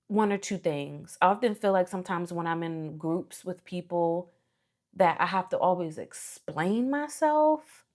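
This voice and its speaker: A woman vlogging from her hotel room, teary from crying, speaking slowly and heartfelt with many fillers into a close mic. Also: on the low side. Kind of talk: emotional casual vlog reflection. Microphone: small mic held close.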